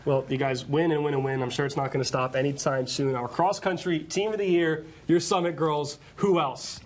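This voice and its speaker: A man's voice: on the high side, fairly even intonation, normal speed. A man hosting an awards show live in a studio, presenting and interviewing in a congratulatory manner. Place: studio set with people present.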